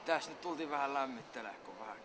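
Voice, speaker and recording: A man's voice: mid-range voice, animated, a loud crowd. A man with giving a comic mock interview, casual, boastful and swearing. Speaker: mock athlete being interviewed. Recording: outdoor street noise.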